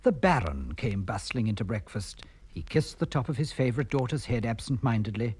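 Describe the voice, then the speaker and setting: A man narrating a fairy tale on a vintage storybook record, with warm, expressive delivery. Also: mid-range voice, a little fast, slightly rough.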